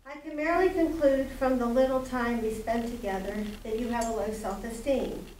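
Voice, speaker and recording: Calm male psychiatrist read by a woman, measured questions, distant mic, faint background noise. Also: a little high, lightly acted. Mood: probing. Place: library event room. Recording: roomy echo from afar, faint noise.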